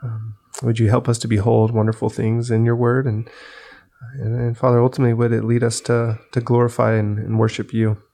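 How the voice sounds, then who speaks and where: A man leading a spoken prayer in an earnest, halting way, pausing often with fillers. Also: mid-range voice, monotone, vocal fry, mellow.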